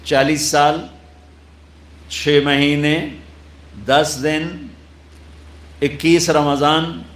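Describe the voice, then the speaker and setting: ایک مرد واعظ جو ڈرامائی انداز میں قصہ سناتا ہے اور بیچ میں آہستہ عربی تلاوت کرتا ہے، لاؤڈ اسپیکر والے ہال میں۔. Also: male voice, fairly high pitch, little pitch movement. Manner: dramatic storytelling, breaks into slow Arabic recitation. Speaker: preacher. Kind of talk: sermon. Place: hall with loudspeaker. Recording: echoey hall through loudspeaker.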